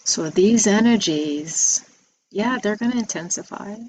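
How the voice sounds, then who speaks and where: A woman giving a spiritual message video, soft-spoken and reflective, with many pauses and ums. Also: medium pitch, a little hiss or hum, rough recording. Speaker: spiritual teacher.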